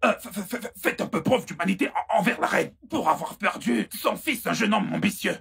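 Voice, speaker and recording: A gravelly, menacing schemer. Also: male voice, high-pitched, moderate pace, fairly bright tone, heavily acted. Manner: threatening, insinuating. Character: menacing royal schemer hinting at a rival's death. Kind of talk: French film dub.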